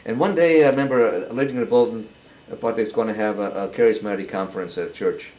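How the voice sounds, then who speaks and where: An older man giving a halting, earnest personal testimony, often repeating words as he goes. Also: lowish voice, darkish tone, poor audio. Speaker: interviewee.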